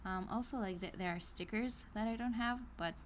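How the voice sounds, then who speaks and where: A woman's mid-range voice moves briskly as she live streams herself reading an online course, pausing for chatty asides and small laughs. She's hesitant, often saying um and starting over. Slight background noise is audible in this casual reading with commentary.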